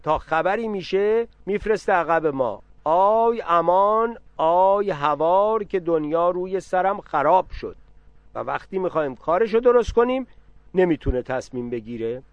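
A man voicing a hot-tempered older aunt who shouts and wails indignantly, in a dull, dry recording. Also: mid-range voice, lively intonation, dry recording, natural voice. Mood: angry.

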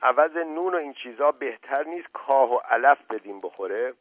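A man's voice: medium pitch, expressive, slightly rough, dry recording, pitched above the performer's own voice. A man voicing a puzzled village headman who exclaims in a raised voice. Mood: bewildered. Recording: tinny phone-like dry recording.

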